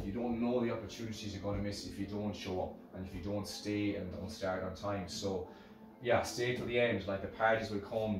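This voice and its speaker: Echoey, distant Irish man, low-pitched. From Ireland. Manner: rambling, repeats phrases for emphasis. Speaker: musical instrument maker sharing lessons learnt. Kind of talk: casual motivational talk to camera. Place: hard-surfaced workshop room, indoors. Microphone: camera a few metres away. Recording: very echoey room, distant microphone, music.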